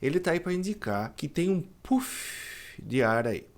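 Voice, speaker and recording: A man with a Brazilian accent teaches English pronunciation, slowing down and stretching words to model each sound. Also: a little high, big pitch swings. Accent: Brazilian Portuguese. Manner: explains slowly, drawing out words to model pronunciation. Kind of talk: pronunciation lesson.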